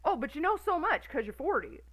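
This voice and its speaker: A woman's voice: sits high, very animated, brisk, fairly bright tone, low-quality recording. A woman in her thirties ranting on a stream in a profane, sarcastic, exasperated way. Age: 30s. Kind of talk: casual ranting commentary.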